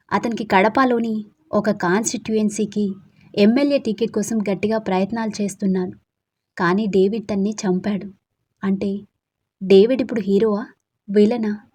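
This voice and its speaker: A woman's voice: mid-range voice, darkish tone. Brief: female storyteller, first-person audio drama narration, emotional and confiding.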